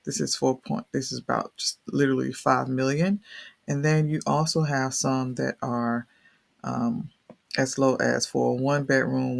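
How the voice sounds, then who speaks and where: Male host, thick Southern US accent, heavy vocal fry, casual rambling tour commentary, folksy and unscripted. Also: mid-range voice. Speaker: real estate video host.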